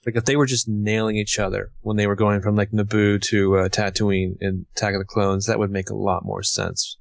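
A man's voice: on the low side, level tone, fairly quick, vocal fry, no echo. A man co-hosting a casual film discussion, informal and opinionated. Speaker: podcast co-host.

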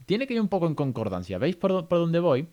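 A man with an accent from Spain hosting a casual podcast lesson for parents, chatty and animated, often tagging his sentences with little questions. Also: a little high, a little fast, highs cut off. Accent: Spain Spanish. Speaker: podcast host teaching English to parents.

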